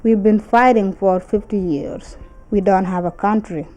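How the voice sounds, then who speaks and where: A woman from South Sudan speaking slowly and emphatically as an interviewee. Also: medium pitch, fairly even intonation, mellow, faint music behind, low-quality recording. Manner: slow, emphatic.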